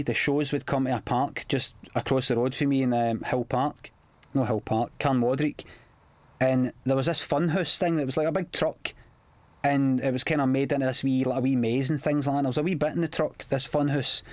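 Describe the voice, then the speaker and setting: A Scottish man rambling through a casual commentary track, chatty and self-mocking as he tells stories in local slang. His voice sits in an ordinary middle range. The sound is close and dry, with no room echo. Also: mid-range voice. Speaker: comedian giving DVD commentary.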